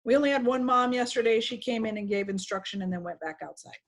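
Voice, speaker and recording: Over a video call with screen sharing, a woman trainer walks staff through something in an informal, instructive way. Her voice is fairly high and she talks at a quick pace, keeping things conversational.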